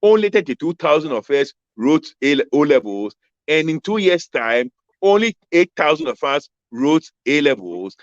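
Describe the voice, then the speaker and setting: A man's voice: a little high, big pitch swings, normal speed, no echo. A man in his fifties with a Ghanaian accent, a political candidate answering interview questions over a video call that keeps freezing. He talks emphatically and repeats his key phrases. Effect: video call audio that keeps freezing and cutting out. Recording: dull, dry video call audio.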